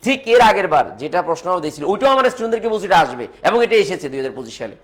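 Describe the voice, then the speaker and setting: Fast-talking Bangladeshi chemistry teacher. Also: male voice, sits high, sing-song, fairly bright tone. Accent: Bangladeshi Bengali. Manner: repeats points, answers viewers' comments, talks through calculations step by step. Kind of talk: live online exam-prep class.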